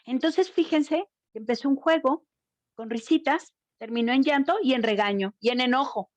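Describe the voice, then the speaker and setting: A woman's voice: high-pitched, normal speed, no room sound, dull audio. A woman giving an informal school talk on gender violence, speaking expressively and addressing the audience directly. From Mexico.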